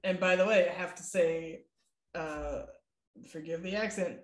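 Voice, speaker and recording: A woman's voice: lowish voice, fairly even intonation, measured pace, roomy sound. A woman co-hosting a podcast in casual chat, chatty and loose, laughing easily. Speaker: podcast co-host.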